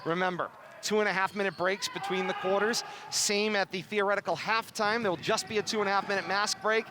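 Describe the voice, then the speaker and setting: A man calling high school basketball play-by-play with a New England accent, his voice jumping up loud on big plays. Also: fairly even intonation, a little fast, background noise. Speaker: play-by-play announcer.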